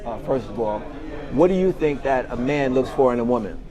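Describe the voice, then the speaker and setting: A man in his forties hosting a casual panel chat, steady and organized, often repeating a word as he starts a sentence. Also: medium pitch, brisk, poor audio. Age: 40s. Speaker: podcast host.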